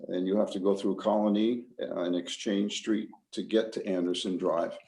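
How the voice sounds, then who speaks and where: A man runs a public meeting in a businesslike, procedural manner. His voice is soft-edged and mellow, sitting a little low. The sound is echoey, as in a reverberant room. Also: steady tone, normal speed, creaky. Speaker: planning board chair. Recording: roomy, echoey meeting audio.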